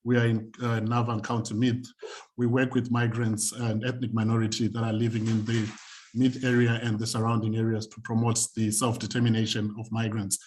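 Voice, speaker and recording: A man's voice: lowish voice, flat delivery, fairly quick, a little mellow. A man from Zimbabwe, a community and youth work practitioner, speaking on a video call panel in a conversational, reflective storytelling manner. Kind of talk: panel talk, personal story.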